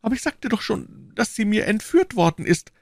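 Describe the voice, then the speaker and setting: A man's voice: sing-song, normal speed, no room sound, clean studio sound, exaggerated voice. A man reading an audiobook, voicing a timid, frightened shopkeeper who pleads with his interrogator in a trembling voice. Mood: anxious, pleading. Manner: trembling, pleading, high-pitched. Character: timid frightened middle-aged male shopkeeper under interrogation.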